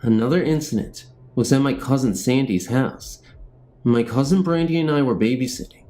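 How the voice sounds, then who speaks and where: A man's voice: mid-range voice, moderate pace, mellow. A man reading spooky family ghost stories aloud, then talking in a rambling, self-deprecating way as host. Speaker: channel host and storyteller.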